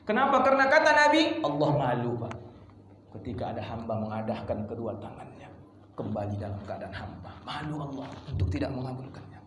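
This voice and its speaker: Preacher in an echoey mosque hall. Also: male voice, medium pitch, a little fast. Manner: lively, conversational, acts out little dialogues. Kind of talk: mosque sermon to a congregation. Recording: echoey hall with background noise.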